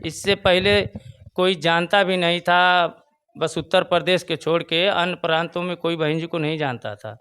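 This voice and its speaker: A local party booth president from Chandauli, Uttar Pradesh, gives a casual political opinion interview in the Bhojpuri-tinged Hindi of eastern Uttar Pradesh. His clear, slightly bright voice is fairly high and moves at a normal speed. He's earnest, repeating his points and rising in emphasis.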